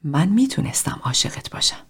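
A woman reading a tender, yearning woman in a therapy group, speaking softly in a half-whisper. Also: lowish voice, very animated, breathy edge.

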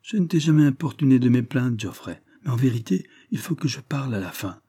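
A man voicing a chattering young woman, a lord's sister, with a twittering little voice that gushes on without pause. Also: mid-range voice, lively intonation, warm tone, voice pushed up. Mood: pleading.

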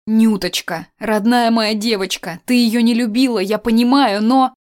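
A woman reading an audiobook, voicing a gentle young woman who soothes a younger girl. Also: on the high side, steady tone, moderate pace, pitched above the performer's own voice, natural voice. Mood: soothing. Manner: soothing, tender. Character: gentle young woman, older sister figure.

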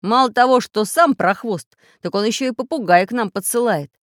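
A cheerful, resourceful little iron handyman from a storybook, confident and brisk, as a woman puts him on. His voice sits a touch above her own and lifts up and down as he explains, recorded dry and close. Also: fairly high pitch, lively intonation, dry recording, pitched above the performer's own voice, lightly acted. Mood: indignant.

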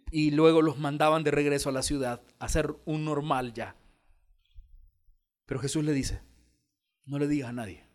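A man preaching a sermon as pastor, telling stories and acting out the dialogue with lively energy. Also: a little high. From El Salvador. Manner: animated storytelling, acting out dialogue. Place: church hall.

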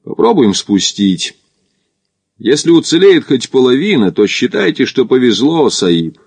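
A stern, clipped Sherpa guide, as a male audiobook reader puts him on, curt and firm. His talk carries louder than the narration, dry and close. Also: mid-range voice, sing-song, a little slow, breathy edge, dry recording, pitched above the performer's own voice, heavily acted.

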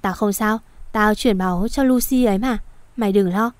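A woman's voice: mid-range voice, moderate pace, no room sound, lightly acted. Brusque young master, voiced by a woman. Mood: curt. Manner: curt and bossy.

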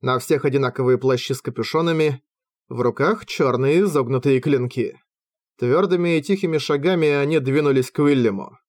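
Male audiobook narrator, mid-pitched, steady and measured, dry close home recording. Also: no room sound. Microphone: close microphone, home recording.

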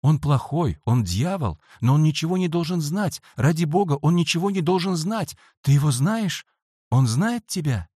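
A man's voice: a little high, steady tone, fairly quick, few pauses, a little mellow, dry recording, voice pushed up, close to an everyday voice. A man voicing a frightened, pleading schoolboy who bursts out anxiously, on a dry close audiobook recording. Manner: pleading, tense outbursts.

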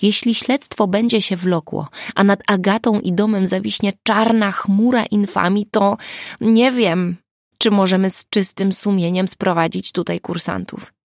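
A woman reading the lines of a weary, harassed female crime writer in an audiobook, earnest and rueful, with a creaky voice. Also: mid-range voice, fairly even intonation, a little slow, no room sound, studio quality, voice pushed up, close to an everyday voice.

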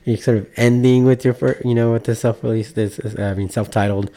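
A man's voice: mid-range voice, fairly even intonation, fairly quick, mellow, slight background noise. A man hosting a casual music interview, rambling with many restarts and fillers. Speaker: host.

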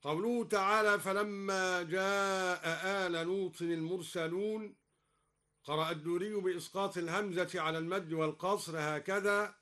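A man with a high voice delivers a measured radio lesson on Quran readings from a studio. He explains each variant plainly, then chants the verse to show it. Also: steady tone, pushed and bright.

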